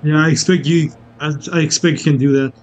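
A man's voice: fairly high pitch, steady tone, fast. A man in casual gaming chat, teasing his friends with crude banter. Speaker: gamer.

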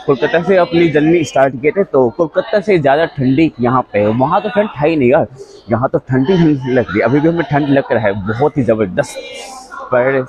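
Speaking a little fast in a medium pitch, this twenty-something travel vlogger chats informally with viewers as if they were friends, narrating and talking with passengers. He films with a phone at arm's length in packed train carriages and on railway platforms, so the dull audio is full of loud train and outdoor ambient noise.

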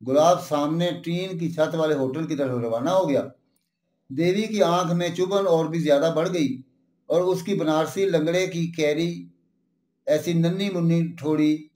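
A man narrating a literary short story in a measured, expressive reading voice. His voice sits a little high, and the recording has a noticeable roomy echo. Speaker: story reader.

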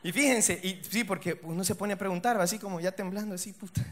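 A young man with a Salvadoran accent performing a stand-up comedy set, slangy and punchy, tossing loud asides to the crowd. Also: sits high, fast. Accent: Salvadoran Spanish. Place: comedy stage before a live audience.

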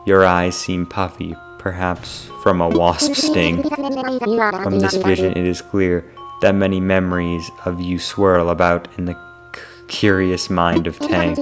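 A man reading aloud the lines of a mystical female fortune teller from a game, slowly and solemnly. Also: low-pitched. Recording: loud game music behind.

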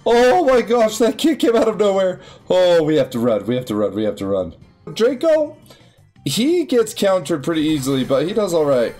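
A young man giving casual, excitable commentary while playing a video game, yelping and squealing at his wins. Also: a little high, a little fast, few pauses. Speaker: gaming YouTuber. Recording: faint music behind.

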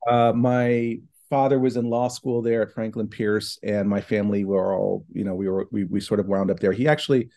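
A middle-aged man speaks over a laptop video call from a home office, his voice low and mellow. He talks in a relaxed, thoughtful way, pausing with fillers and circling back to restart his phrases. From New Hampshire and Ohio, United States. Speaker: guest, foundation president. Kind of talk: casual online interview.

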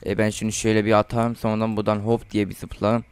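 A teenage boy from Turkey giving casual gameplay commentary, chatting to viewers and trash-talking opponents, getting loud and excited in fights, recorded on a desk mic at his computer. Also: on the low side, fast talker, smooth. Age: teens. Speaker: gaming YouTuber.

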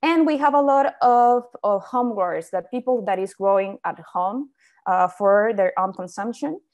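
A woman's voice: medium pitch, moderate pace, a little mellow. A young woman presents slides over a video call. She keeps stopping on "uh" and restarting her phrases as she works through the talk. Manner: hesitant, many fillers and restarts. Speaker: invited speaker on indoor farming.

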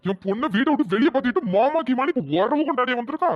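A man voicing an angry older father in a cartoon, gruff and scolding as he threatens his son-in-law. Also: extremely high pitch, animated, racing. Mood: furious. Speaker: father of the wife. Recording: dull, dry lo-fi audio.

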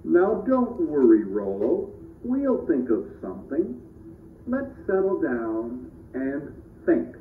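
Puppet-show old Santa, male performer: kindly, theatrical, slightly high-pitched, muffled distant sound. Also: huge pitch swings, heavily acted. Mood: concerned. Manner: measured, fatherly, theatrical. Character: jolly, kindly, reassuring old Santa Claus. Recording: noisy, roomy, distant, muffled phone-like audio.

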